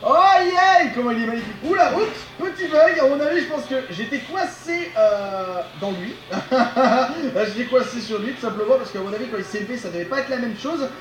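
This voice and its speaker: A man giving excited commentary on a video game he is playing, talking straight to his viewers, often shouting and laughing. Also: very high voice, fairly quick, hardly any pauses, echoey room, a little hiss or hum, low-quality recording. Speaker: gaming video host.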